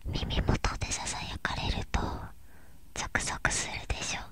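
A young woman doing gentle, reassuring ASMR in a breathy whisper, very close to a binaural microphone. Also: moderate pace. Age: young adult. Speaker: ASMR host. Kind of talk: whispered ASMR, soothing personal address. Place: small bedroom, lying on a bed. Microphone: binaural ear microphone, held right at the mouth.

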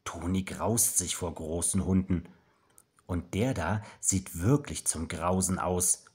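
A man reading a children's storybook aloud with slow, expressive storytelling. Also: sits low, husky. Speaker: storybook reader.

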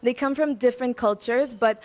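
A beauty pageant contestant in her twenties, from the Philippines and Macau, gives chatty, earnest interview answers into a stand microphone, slipping Tagalog words into her speech. Her voice is on the high side at a moderate pace, and she stands on an open-sided outdoor veranda.

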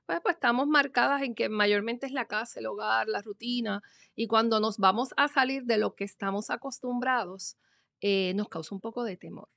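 A woman's voice: a little high, normal speed, gravelly, fairly bright tone, dry recording, studio quality. A woman in her fifties, a guest in an interview, speaking in an earnest, encouraging way. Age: 50s. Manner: earnest, encouraging, often laughing. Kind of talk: reflective conversation.

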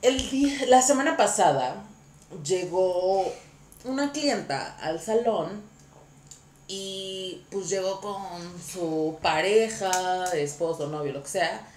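Animated woman telling a story. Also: mid-range voice, slow pace, reverberant, slight background noise. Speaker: podcast host. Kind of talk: casual storytelling chat.

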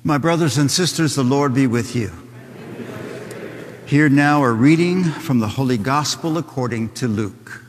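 A man, a priest, proclaiming the gospel at Mass in a measured, solemn way, from an altar microphone in a large church. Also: medium pitch, a little hiss or hum. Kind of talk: gospel reading and sung alleluia at Mass. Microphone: altar microphone from a far camera. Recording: long church reverb.

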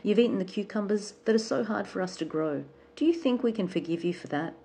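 A woman's voice: mid-range voice, expressive, a little fast, warm tone, breathy edge. A woman voicing a stern, unforgiving farmer's wife in a storybook, scolding.

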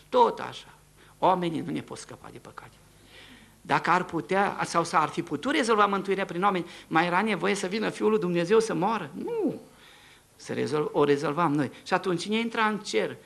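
Gravelly high-voiced male preacher. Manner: animated storytelling, swings between hushed and shouting. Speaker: preacher giving testimony. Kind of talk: sermon testimony. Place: church.

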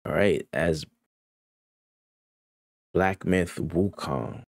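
A man casually reacting to a game trailer, excited and slangy, rambling with frequent restarts. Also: low voice, drawn-out words, creaky, no room sound, studio quality. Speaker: gaming YouTuber reacting to a trailer.

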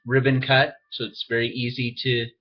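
A man casually reviewing pipe tobacco, talking around a pipe in his mouth with a relaxed, conversational manner. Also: medium pitch, moderate pace, husky. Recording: dull lo-fi audio with faint music.

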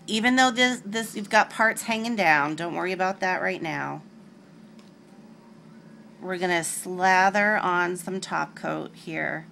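A woman's voice: fairly low pitch, gravelly, fairly bright tone, a little hiss or hum. A woman hosting a casual nail art tutorial, talking through each step with chatty, rambling asides.

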